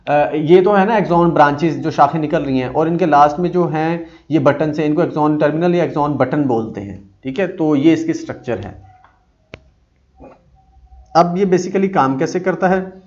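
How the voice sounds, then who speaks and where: Man teaching slowly, dull lo-fi sound. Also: fairly high pitch, darkish tone. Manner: reads English lines slowly, then explains in Urdu-Hindi with many fillers. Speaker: psychology teacher. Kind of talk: explaining a lecture. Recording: dull lo-fi audio.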